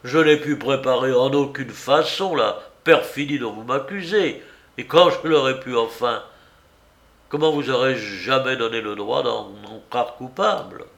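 An ardent young nobleman, proud though poor, read by a man in his own voice, from an audiobook novel. He pleads in earnest and swears on his honour at a slow, deliberate pace. A gravelly edge runs under his words. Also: mid-range voice, a bit bright. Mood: pleading calm.

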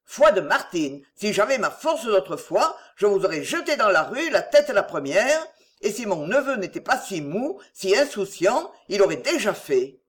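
Woman voicing an irascible rich old gentleman. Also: mid-range voice, very animated, a little slow. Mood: furious. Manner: angry, scolding, blustering.

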